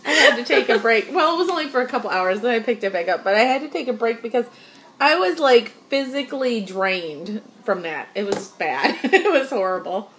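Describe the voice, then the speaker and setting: Middle-aged woman, slightly high voice, frank and emphatic, laughs often, faint background noise. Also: animated, fairly quick, fairly bright tone. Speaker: host. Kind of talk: casual chat.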